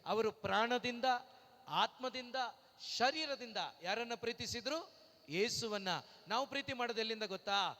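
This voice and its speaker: A man's voice: extremely high pitch, sharp tone. A man preaching a sermon, asking the congregation rhetorical questions and calling out hallelujahs between lines. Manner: breaks into slow sung lines. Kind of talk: Pentecostal-style sermon. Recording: long reverb in a hall.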